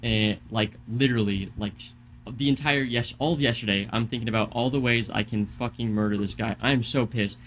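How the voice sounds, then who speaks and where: A man's voice: medium pitch, steady tone, fairly quick, a bit bright, slight background noise. Heated, cursing young man telling a story. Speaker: podcast co-host. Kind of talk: casual podcast chat.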